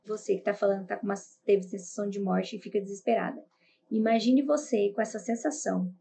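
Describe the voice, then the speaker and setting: A woman's voice: medium pitch, fairly even intonation, fast talker, creaky, mellow, slight background noise. A woman with a Brazilian Portuguese accent giving a motivational self-help talk, emphatic and direct, acting out breathing and heartbeats.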